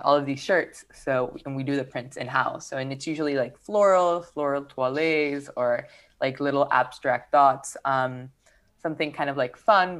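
A young woman from Peru talks about her fashion label in a relaxed, easygoing interview. Her voice sits very low for a woman, and she fills her sentences with "like" and "um" as she thinks aloud. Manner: relaxed, filler-heavy, lots of "like" and "um". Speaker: fashion brand founder. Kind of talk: casual interview chat.

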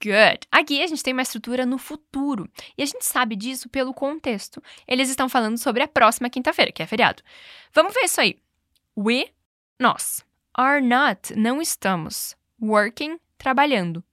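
A woman leads an English lesson, full of repeat-after-me drills. Her voice sits a little high, and she speaks clearly and patiently, slowing right down on the model phrases she wants repeated. The sound is close and dry, with no room around it. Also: lively intonation, fairly bright tone, no room sound. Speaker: English teacher.

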